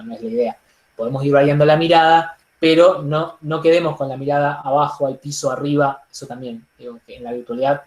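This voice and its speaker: A man with an Argentine accent teaching public speaking in an online workshop, animated, with frequent "digo" and "entonces". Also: medium pitch, roomy sound. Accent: Argentine Spanish. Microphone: laptop microphone on a video call.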